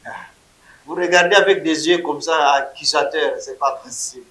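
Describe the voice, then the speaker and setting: A man teaching a class, drilling vocabulary with his students in loud call-and-response before lecturing on grammar. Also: fairly high pitch, moderate pace. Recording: echoey classroom.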